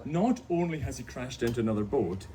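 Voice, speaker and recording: At a bookshop event, an author from Scotland's Outer Hebrides tells a family story on stage in a Hebridean accent, chuckling and poking fun at himself. His medium-pitched voice is expressive and fairly quick. A distant mic catches him over loud music and the live audience.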